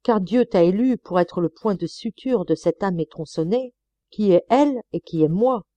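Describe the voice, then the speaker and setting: A woman's voice: medium pitch, moderate pace, mellow, no echo, natural voice. A woman reading an imperious, lyrical male poet in an audiobook, lofty and declamatory. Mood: exalted.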